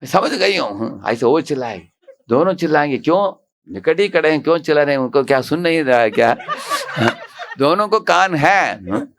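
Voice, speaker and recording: A man's voice: a little high, normal speed. A man who is a monk and temple president, giving a devotional storytelling lecture. He acts out the dialogue and puts questions to the audience. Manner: animated, acts out quoted dialogue.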